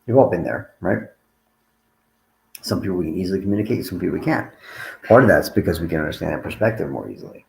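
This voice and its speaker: Deep, gravelly man in an echoey room. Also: big pitch swings, fast, long pauses, darkish tone. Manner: rambling, conversational, frequent restarts. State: tired, yawning. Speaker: coach. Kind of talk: livestream talk to viewers.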